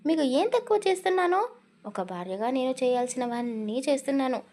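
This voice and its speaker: A woman doing a shrill scolding village mother. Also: normal speed, a little mellow. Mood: tearful. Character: anxious scolding village mother-in-law, middle-aged.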